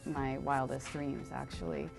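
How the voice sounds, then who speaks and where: Low-voiced woman teacher over music. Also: steady tone, measured pace, vocal fry. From San Diego, California. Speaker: writing teacher. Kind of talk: documentary interview. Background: background music.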